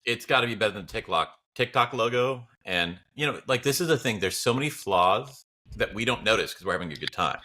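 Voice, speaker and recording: An audio drama creator chats casually as a podcast guest, sounding reflective, encouraging and informal. His voice is on the low side yet pushed and bright, with lively intonation and a fairly quick pace.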